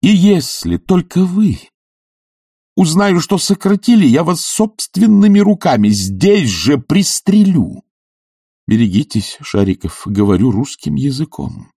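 A man's voice: mid-range voice, expressive, a little fast, few pauses, warm tone, no room sound, clean studio sound, voice pushed up. A man voicing a fierce young doctor who roars threats in a raised voice. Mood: threatening. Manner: threatening, roaring.

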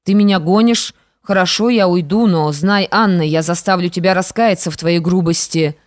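A woman's voice: lowish voice, moderate pace, dry recording, studio quality, lightly acted. A woman voicing a scheming young widow, a stepmother who sounds falsely sweet and menacing. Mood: spiteful. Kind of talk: audiobook character reading.

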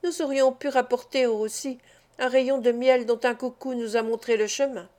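A woman's voice: a little high, fairly even intonation, moderate pace, darkish tone, close to an everyday voice. A woman reading as an eager little boy. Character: small youngest boy, eager little son. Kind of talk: audiobook reading.

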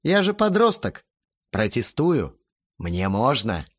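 A man's voice: mid-range voice, huge pitch swings, slow pace, full character voice. A man voicing an insolent teenage boy who talks with sugary sarcasm, in an audiobook. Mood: mocking. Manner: sarcastic, mockingly sweet.

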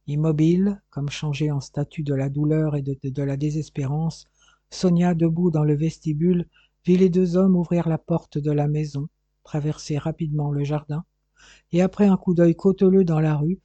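A man reading a novel aloud in a steady, measured narration, on a dull, dry recording. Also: on the high side, dry recording. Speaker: audiobook narrator.

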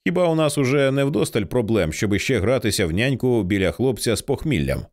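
A reader voicing a cool-headed Englishman in an audiobook thriller, speaking in a dry, quietly sardonic way. The voice sits a little above the reader's usual pitch, with a lively, rising lilt. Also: a little fast. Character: wry British man, calm and sardonic.

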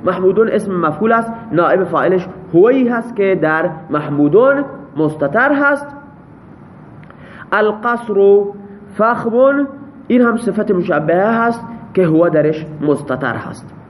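High-voiced male teacher explaining grammar. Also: expressive, lo-fi sound, a little hiss or hum. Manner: parses example sentences step by step, checks with students. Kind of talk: classroom grammar lesson.

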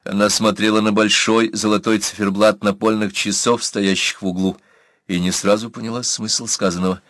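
A man reading a novel aloud as audiobook narrator in measured storytelling. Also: lowish voice, level tone, fairly bright tone, dry recording, clean studio sound. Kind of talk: scripted narration.

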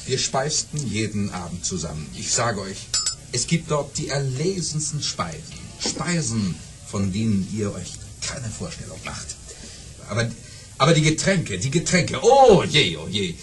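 An actor playing a boastful, excitable baron telling tall tales in a radio play, bombastic and repeating words for emphasis. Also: male voice, medium pitch, a little slow, music in the background. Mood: boastful, excited.

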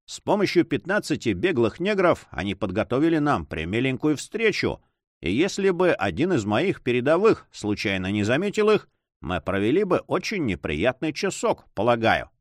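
A man voicing a calm, courteous young count with a lightly ironic manner, in an audiobook. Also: medium pitch, moderate pace, no echo, clean studio sound, close to an everyday voice.

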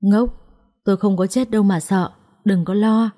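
A woman voicing a calm, teasing young husband who is ill, speaking gently and reassuringly. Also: mid-range voice, normal speed, natural voice.

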